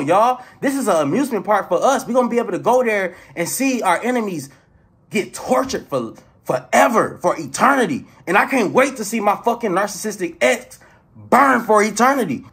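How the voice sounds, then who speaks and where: A man giving a casual, profane motivational rant to his viewers, preachy and excitable, swinging between loud outbursts and low murmurs. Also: moderate pace, breathy edge. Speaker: spiritual motivational vlogger.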